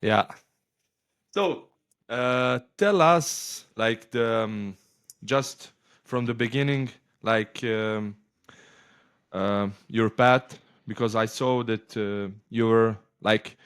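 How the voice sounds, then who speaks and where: A man hosting a casual interview, halting, with many fillers. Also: lowish voice, fairly bright tone, clear, resonant tone. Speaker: host.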